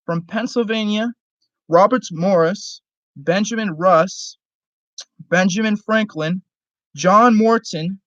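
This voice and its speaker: Solemn document reader, mid-pitched and unhurried, slightly halting, on a dry, muffled lo-fi recording. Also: no room sound. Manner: halting, stumbles over words and rereads them. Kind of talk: solemn reading aloud of a formal historical document. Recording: dull lo-fi recording.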